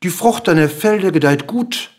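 A man voicing a small grey bird in a storybook reading, with a hoarse, hissing, bossy manner. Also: high voice, animated, moderate pace, a little mellow, voice pushed up. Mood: coaxing, lecturing. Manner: insistent, lecturing, bossy.

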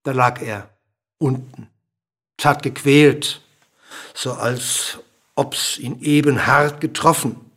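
A man reading a literary story aloud in a measured, expressive way. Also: medium pitch. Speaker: reader.

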